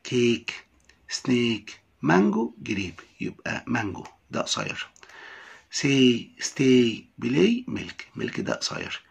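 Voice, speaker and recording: Egyptian man, English teacher, textbook lesson, gravelly husky voice, lively pitch. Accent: Egyptian Arabic. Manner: reads English lines slowly, then explains them in quick Arabic.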